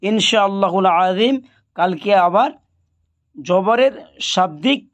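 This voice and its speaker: Slow, high-voiced male Quran teacher. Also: animated, fairly bright tone, highs cut off. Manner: slow, drawn-out recitation of letter sounds; patient, addresses viewers directly. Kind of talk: slow step-by-step lesson.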